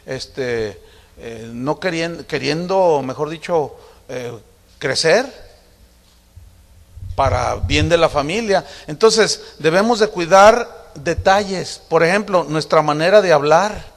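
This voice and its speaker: A man's voice: on the high side, animated, slow pace, long reverb tail. A middle-aged man preaching a sermon in a conversational, confiding, humorous way. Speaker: pastor.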